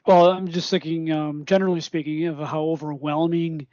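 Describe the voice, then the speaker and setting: A man's voice: fairly high pitch, little pitch movement, normal speed, a little mellow, dry recording, dull audio. A man hosting a casual, conversational interview and putting questions to his guest.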